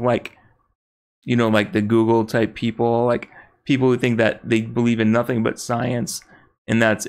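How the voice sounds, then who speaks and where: Gravelly, hesitant man in casual talk. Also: mid-range voice. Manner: hesitant, many fillers and restarts, laughs easily. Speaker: podcast co-host. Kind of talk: casual political podcast chat.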